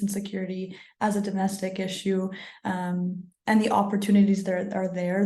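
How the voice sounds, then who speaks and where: A woman's voice: medium pitch, gravelly, mellow, echoey room. A woman panelist presenting recommendations in an earnest way with frequent ums, while losing her voice.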